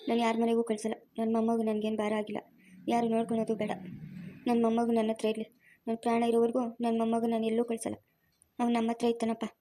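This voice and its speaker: A woman's voice: on the high side, warm tone, lightly acted. A woman playing a worried grandmother who soothes her crying grandson and refuses to send him away, in a homemade family drama. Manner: soothing, pleading, protective.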